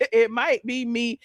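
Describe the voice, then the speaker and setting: A woman's voice: on the high side, no echo, studio quality. Chatty woman with an Atlanta accent. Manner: chatty, sassy, many fillers and asides. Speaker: host. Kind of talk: casual live-stream chat.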